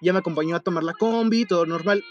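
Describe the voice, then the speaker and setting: A young vlogger with a Mexico City Spanish accent tells a personal story casually and briskly, packed with slang and frequent laughter. He's animated, jumping into falsetto when retelling things, over dull audio with faint music behind him.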